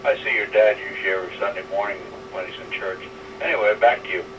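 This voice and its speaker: A man checking in to an amateur radio net, chatting casually and haltingly with many fillers, heard over a two-way radio with static. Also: lowish voice. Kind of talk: casual on-air chat. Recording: distant radio audio with static hiss.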